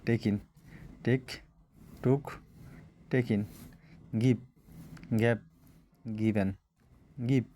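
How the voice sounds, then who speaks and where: A man's voice: medium pitch, mellow, a little hiss or hum. A man teaching English verb forms, repeating word lists aloud and checking in with students. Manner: repetitive chanting of word lists, frequent "all right?" checks. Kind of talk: classroom lesson, drilling verb forms aloud.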